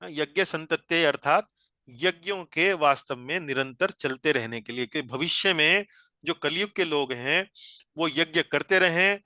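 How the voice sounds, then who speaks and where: Over a video call, a man leads a scripture study class, patiently explaining each point and repeating phrases as he guides a reader. His voice is fairly high, bright and forceful, and the recording is dry.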